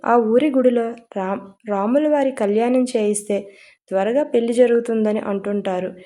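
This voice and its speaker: A woman's voice: fairly high pitch, moderate pace, mellow, close to an everyday voice. A woman voicing a stern, insistent mother. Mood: scolding. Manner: scolding, insistent. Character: middle-aged mother, stern, eager to marry off son.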